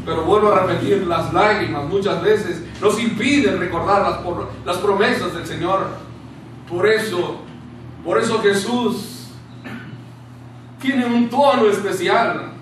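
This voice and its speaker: A man's voice: high-pitched, a little slow. Impassioned preacher man in echoey church. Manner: impassioned, drops to a hushed tone for scripture quotes. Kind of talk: sermon. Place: small church room. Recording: very echoey room, distant mic, faint hiss.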